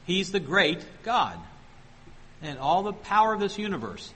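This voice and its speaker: A man preaching a sermon, asking the congregation questions and slowing down to read scripture aloud. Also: high-pitched, sing-song, bright, forceful tone, husky. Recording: long hall reverb.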